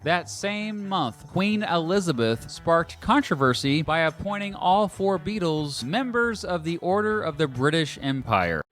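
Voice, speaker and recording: A man's voice: fairly high pitch, big pitch swings, unhurried, hardly any pauses, a loud crowd. A man delivering scripted documentary narration about music history, with emphatic, punchy phrase endings.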